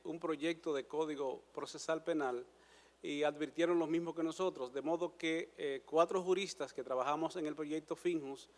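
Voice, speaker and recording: A lawyer in his sixties with a Dominican accent, giving a formal presentation to a panel in a measured way, pausing often with fillers. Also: a little high. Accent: Dominican Spanish. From Dominican Republic. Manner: measured, hesitant with frequent fillers and restarts. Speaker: lawyer applying before a judicial council. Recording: hall reverb.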